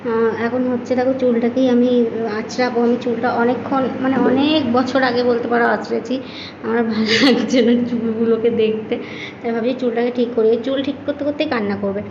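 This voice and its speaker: Filming a home vlog on her phone camera in a room at home, a sleep-deprived new mother chats and rambles to viewers. She talks fast in a voice on the high side with fairly even intonation, over background noise in a muffled, echoey recording.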